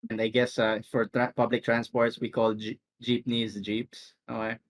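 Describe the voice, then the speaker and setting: A man's voice: medium pitch, flat delivery. A man from the Philippines, a podcast guest chatting casually, joking and laughing often. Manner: laughing, joking, quick asides. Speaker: podcast guest, tournament organizer. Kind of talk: casual chat.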